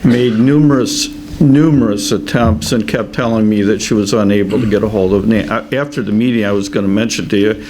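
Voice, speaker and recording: A man speaking as a city official, explaining things at a meeting in a halting way with repeated words. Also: on the low side, low-quality recording. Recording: faint room noise at public meeting.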